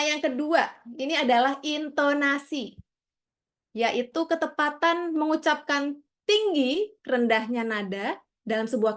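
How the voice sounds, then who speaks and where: High-voiced woman coaching a workshop. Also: fairly bright tone. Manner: friendly, coaxing, calls on participants. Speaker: public speaking trainer. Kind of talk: online workshop teaching.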